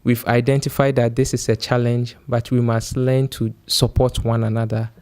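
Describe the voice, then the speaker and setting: A man speaking on a panel in a steady way, often repeating words. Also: medium pitch, moderate pace, slight background noise. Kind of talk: panel discussion.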